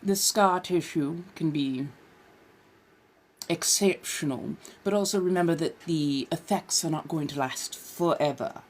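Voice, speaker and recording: Speaking in a deep, slightly mellow voice at an unhurried pace, this woman from California chats casually as a livestream host. She fakes a posh colonial American accent, uses affected genteel phrasing, and addresses her audience as dears and darlings.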